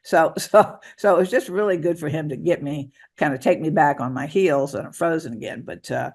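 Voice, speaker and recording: A man answering interview questions as a guest author and advocate, talking in a halting way with many restarts. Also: fairly high pitch, creaky.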